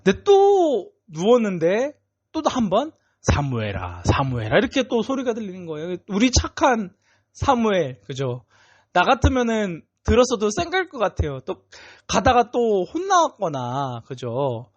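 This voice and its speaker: Lively man preaching to children. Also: sits high, unhurried, highs cut off. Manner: animated, playful, chatty with kids, frequent 'ne'. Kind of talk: children's sermon storytelling. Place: church worship room.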